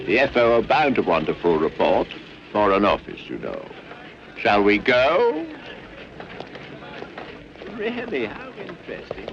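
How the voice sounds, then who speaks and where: An actor playing a genial, urbane senior British official who speaks in a polished, leisurely way, in 1960s film acting. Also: male voice, fairly low pitch, wildly swooping pitch, measured pace, long pauses, exaggerated voice. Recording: dull old film soundtrack, street noise.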